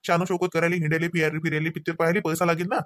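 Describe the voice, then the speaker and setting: Guy doing a cranky cartoon husband, rapid-fire lecturing, dry studio. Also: a little high, flat delivery, a bit bright, no room sound, natural voice. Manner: nagging, lecturing, rapid scolding. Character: scolding husband Ravi, grown man, short-tempered. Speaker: voice actor. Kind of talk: cartoon voice acting.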